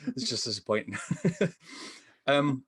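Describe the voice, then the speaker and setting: A podcast film reviewer in his thirties discusses movies casually over a headset on a video call from an indoor room at home. He rambles enthusiastically, speaking slowly but very animatedly in a mid-range, fairly bright voice with a breathy edge.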